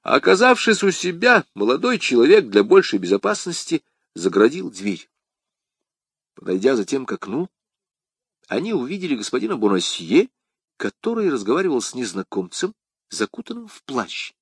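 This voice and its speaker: A man narrating a historical adventure novel as an audiobook, in an expressive, dramatic reading. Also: medium pitch, normal speed, slightly rough, no echo, studio quality.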